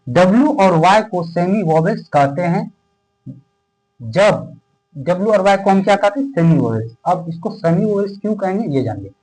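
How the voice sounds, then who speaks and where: A man teaching a classroom lesson in speech who asks questions and answers them himself, repeating key terms and drawing words out slowly as he writes. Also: sits high, a little mellow, rough recording. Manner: stretches words out slowly while writing.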